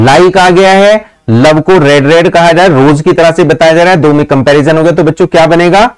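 A male teacher running a live online exam-prep class. He reads English questions out slowly, explains them in Hindi, and praises students by name. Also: a little high, rough recording.

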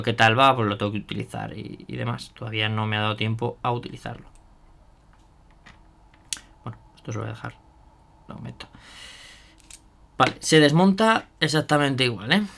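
A miniature painting YouTuber chats casually through a hands-on product demo, thinking aloud with fillers and side remarks to viewers. His voice is mid-range, gravelly and a bit bright.

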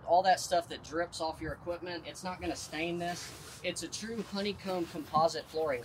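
A man's voice: on the high side, fairly bright tone, a little hiss or hum, poor audio. A man in his thirties explaining product features outdoors in a confident, detailed sales manner. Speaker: manufacturer representative. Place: outdoors at a vehicle lot.

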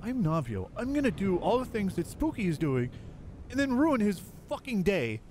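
A man putting on a petty, grumbling male gaming buddy, ranting sarcastically with plenty of swearing over loud game sounds. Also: sits high, very animated, moderate pace, slight background noise. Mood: mock-angry. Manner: sarcastic mock rant, heavy swearing.

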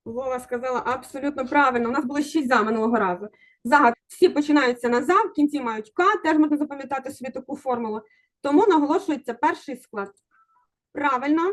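Speaking fast in a high voice, a woman teaches an online exam-prep lesson over a video call. She encourages her students and coaxes them to answer.

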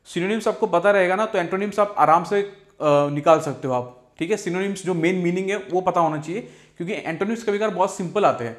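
A man with an Indian accent teaching English vocabulary, mixing Hindi with slowly drawn-out English definitions and often saying "theek hai" and "okay". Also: sits high. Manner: drawls when reading English definitions. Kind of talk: explaining vocabulary from slides.

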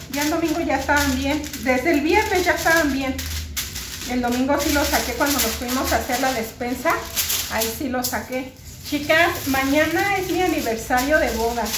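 Mexican woman in her thirties, high voice, casual vlog chat, roomy sound with noise behind. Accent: Mexican Spanish. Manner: chatty, talks straight to her viewers. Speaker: vlogger and homemaker. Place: home kitchen indoors, later outdoors at a park.

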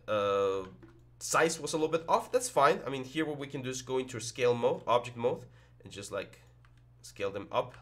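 The speaker is a young man teaching 3D modeling through a screen recording while wearing a headset. His voice leans low with a slight brightness, and he reasons aloud, using lots of fillers and frequent restarts.

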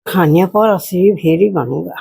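A woman's voice: lowish voice, fairly quick, vocal fry, darkish tone, slightly rough, full character voice, poor audio. A woman acting a sly, demanding village aunt in a short drama, evasive and bossy, with a Malwa Punjabi accent. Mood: muttering. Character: sly, demanding aunt fond of tea and opium husk. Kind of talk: amateur short-film acting.

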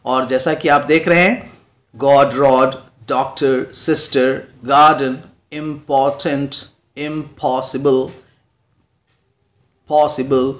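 Hindi-speaking male teacher explaining poetry. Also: on the high side. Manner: mixes English terms into explanations, checks in with "right?". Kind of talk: classroom lecture.

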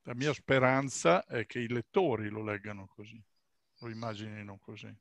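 Man, author, relaxed casual talk, gravelly creaky voice, dry close sound. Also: lowish voice, moderate pace, dry recording. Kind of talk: casual talk at a book event.

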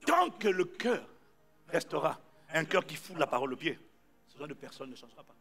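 A man preaching a sermon to a congregation, calling out to them and shouting his points for emphasis. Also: on the high side, sing-song, fairly quick, vocal fry, soft background music.

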